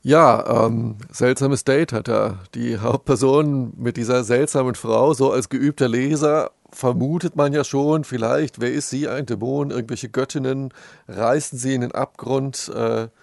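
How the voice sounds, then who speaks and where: A man hosting a book talk and asking questions. He speaks haltingly and searches for words. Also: medium pitch, fairly even intonation, vocal fry, a little mellow, dry recording, clean studio sound. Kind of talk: casual interview questions.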